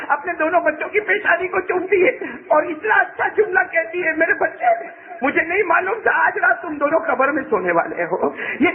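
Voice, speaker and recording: Man preaching a story sermon, really high voice, swings loud to hushed, sounds tinny like a phone. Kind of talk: emotional religious storytelling sermon.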